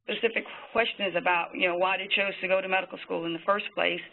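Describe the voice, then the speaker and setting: A man with a high voice, speaking in a flat and even tone. He gives prepared webinar remarks at a measured pace, pausing often on fillers. The sound is thin and tinny, like a phone line. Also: creaky. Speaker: physician panelist.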